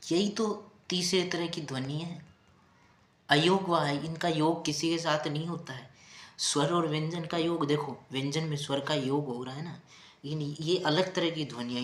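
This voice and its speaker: A man's voice: fairly high pitch, steady tone, normal speed, fairly bright tone. A male teacher giving a grammar lesson, patiently repeating key terms and asking his students rhetorical questions. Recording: roomy echo.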